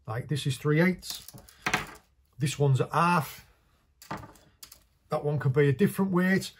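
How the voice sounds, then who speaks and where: A chatty man gives a practical, hands-on fishing tutorial while working in a small indoor workshop. He speaks unhurriedly in a slightly high voice, with background noise present.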